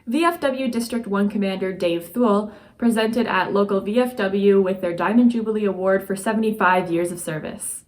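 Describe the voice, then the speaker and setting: A woman delivers scripted local news narration as a community presenter. Her pitch is average for a woman. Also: moderate pace, few pauses, darkish tone.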